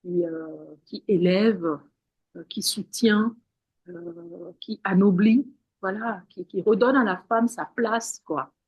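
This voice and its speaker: Speaking slowly in a mid-range voice with a breathy edge, a women's wellness practitioner talks as an interview guest. Her tone is earnest and spiritual, with many repeated words and restarted sentences. The recording is muffled and has no room sound.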